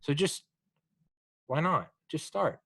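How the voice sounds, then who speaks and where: A young man hosting a podcast, chatting casually with a guest, swearing freely and telling stories with animated encouragement. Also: on the high side, slow pace, creaky, dry recording. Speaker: podcast host. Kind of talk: casual chat.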